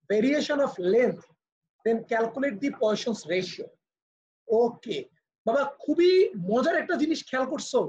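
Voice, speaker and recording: A man with a Bangladeshi accent teaching physics in a live online class, explaining step by step and patiently. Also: very high-pitched. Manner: patient, explaining step by step, switching to English for terms. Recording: muffled lo-fi video call audio.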